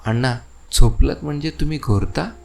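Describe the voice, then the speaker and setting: A man's voice: medium pitch, moderate pace, gravelly, slight background noise, voice pushed up, natural voice. A man reading the part of a young, confident CID inspector who questions people sharply. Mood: stern questioning.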